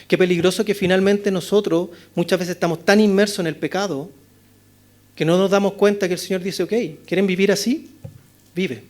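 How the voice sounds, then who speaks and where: High-voiced Chilean man preaching. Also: fairly even intonation, brisk. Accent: Chilean Spanish. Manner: rhetorical questions, frequent "¿no es cierto?", swings between loud and hushed. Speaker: pastor. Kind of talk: expository sermon. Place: church chapel.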